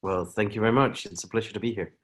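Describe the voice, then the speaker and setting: A man's voice: fairly low pitch, steady tone, fairly bright tone. A middle-aged man from Denmark, a company founder speaking as an interview guest, talking casually with frequent restarts and fillers. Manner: halting, many restarts and fillers.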